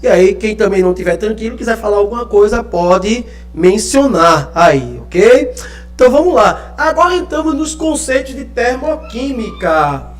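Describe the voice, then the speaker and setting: Teaching a live online class from home, a man frequently checks in with his students using tag questions. His high voice is expressive and moderately paced, in an echoey room with faint music.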